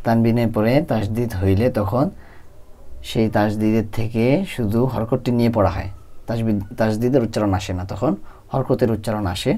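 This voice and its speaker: A man teaching Quran reading. He spells out letters and vowel marks step by step, then recites the words slowly. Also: on the low side, steady tone, warm tone.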